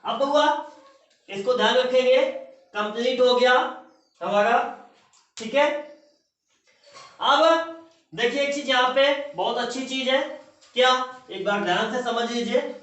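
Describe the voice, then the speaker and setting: A man's voice: very high voice, unhurried, long pauses, fairly bright tone. A male teacher giving a classroom lecture, who repeats key terms and asks the class questions he then answers himself. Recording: echoey distant room, muffled.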